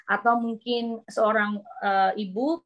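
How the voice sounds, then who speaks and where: Wanita dokter anak asal Indonesia, suara tinggi, bercerita dengan hidup. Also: female voice, fairly high pitch, slow pace, lo-fi sound. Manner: animated storyteller, mixes English terms. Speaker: pediatrician guest. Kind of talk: casual interview chat.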